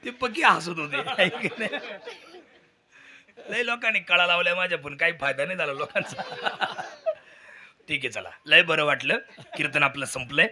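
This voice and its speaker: A man's voice: high voice, bright, forceful tone. A man giving a humble, folksy thank-you speech at the close of a devotional kirtan, often asking the crowd to agree with him. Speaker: kirtan performer.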